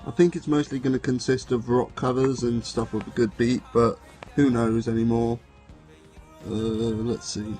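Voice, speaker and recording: A man's voice: medium pitch, level tone, moderate pace, warm tone, faint music behind. A young adult man, a student vlogger, talking casually to camera in a dry, self-deprecating way with bits of slang. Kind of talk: casual vlog talk to camera.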